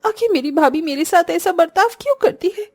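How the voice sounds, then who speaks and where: A woman's voice: very high voice, moderate pace, darkish tone, soft background music, voice pushed up. A woman doing a timid, meek young girl. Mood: tearful. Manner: pleading, submissive. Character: meek, overworked young sister-in-law, timid.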